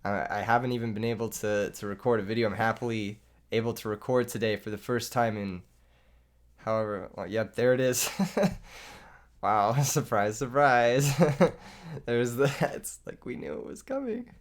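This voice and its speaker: Playing a card game for his channel, a young gaming YouTuber with an illness-ravaged voice delivers live commentary full of laughter and self-mockery. He talks at a normal pace with a medium pitch.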